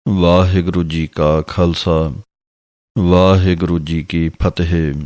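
Slow, deep-voiced man teaching recitation. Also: darkish tone, dry recording, clean studio sound. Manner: measured, deliberate, recites verses slowly then explains pronunciation. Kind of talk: slow pronunciation lesson with chanted recitation.

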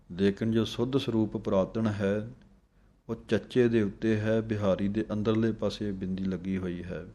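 A man teaching how to pronounce recited scripture, chanting each verse slowly and then explaining it in measured steps. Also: on the low side, mellow. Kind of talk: pronunciation lesson on recited scripture.

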